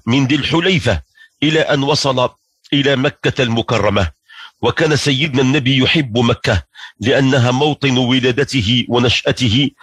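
A man giving a storytelling sermon, narrating in a measured, reverent way. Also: medium pitch, a bit bright, husky, no echo. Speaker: religious lecturer.

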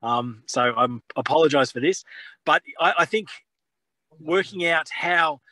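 A man's voice: on the high side, sharp tone, no echo, low-quality recording. A man talking in a webinar from a remote outdoor field site, his video call audio choppy and breaking up. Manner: halting, apologetic, restarts through dropouts. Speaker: conservation researcher. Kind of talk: webinar talk.

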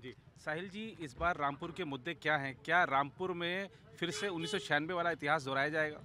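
A man's voice: fairly high pitch, fairly quick, bright, forceful tone. A male reporter interviewing party workers outdoors on a street, prompting them with short replies. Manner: keeps saying "ji" to prompt.

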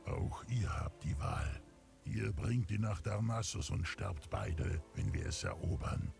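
Gravelly, weary old orc warrior. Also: male voice, very animated, a little mellow, faint music behind, heavily acted. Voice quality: deep, gravelly. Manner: grave, deliberate. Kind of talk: video game cutscene acting.

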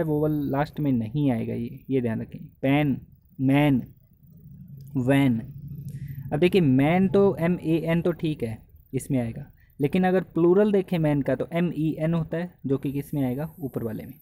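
A man's voice: a little high, warm tone. A male coaching teacher gives a lecture. He explains each step, checks that his students follow, and reads example words out one by one. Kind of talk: classroom lecture.

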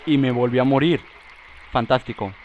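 A young man giving excitable let's play commentary, often yelling in panic at the game. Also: medium pitch, moderate pace, dull audio, a little hiss or hum. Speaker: gamer.

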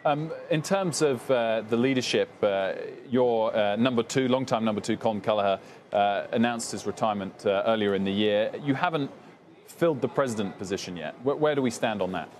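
A man's voice: lowish voice, brisk, slight background noise. A man anchoring a business news interview, asking long, conversational questions on a lapel mic in a TV studio. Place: TV studio on a trading floor.

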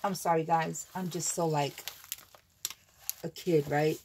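A woman's voice: deep voice, fairly even intonation, slow pace, darkish tone, a little hiss or hum. A woman hosting a craft unboxing vlog, gushing and exclaiming over each item she shows. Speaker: craft channel host.

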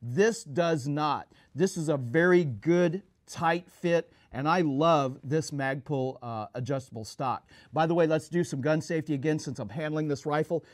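A man's voice: fairly high pitch, normal speed, few pauses, dry recording, clean studio sound. A middle-aged man presenting a product review to camera as a show host, in an emphatic, instructional manner, addressing viewers directly. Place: small studio set, indoors at a table.

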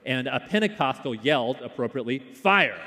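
Male pastor, mid-pitched, easygoing storyteller who stumbles and restarts, echoing church hall. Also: moderate pace. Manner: relaxed storytelling with frequent fillers and restarts. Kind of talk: sermon. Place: church sanctuary. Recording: long hall reverb in a church.

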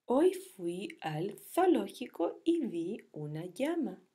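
A woman teaches young children to read, speaking very slowly and praising them as she goes. Her voice is soft-toned and a little husky. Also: medium pitch, very animated. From Chile. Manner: praising, encouraging pupils. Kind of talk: slow classroom reading drill.

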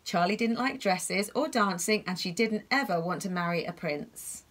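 A woman reads a bedtime story to young children in an expressive, animated way. She gasps at the exciting parts and keeps stopping to ask little listeners what they can see in the pictures. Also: medium pitch, moderate pace. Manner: expressive, gasping, asks the listener questions about the pictures.

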